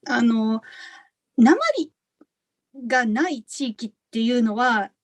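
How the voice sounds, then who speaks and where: Chatty woman with a fairly high voice. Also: slow pace. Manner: chatty, candid, laughs easily. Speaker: MBA student panelist. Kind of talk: casual webinar Q&A answer.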